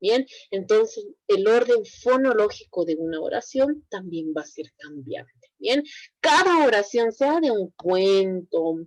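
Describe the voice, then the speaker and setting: A woman teacher gives an online language lesson, explaining at a deliberately slow pace. She keeps checking that students follow. Her voice sounds dry and close, with no room around it. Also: mid-range voice, big pitch swings, dry recording, low-quality recording. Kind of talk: online class lecture.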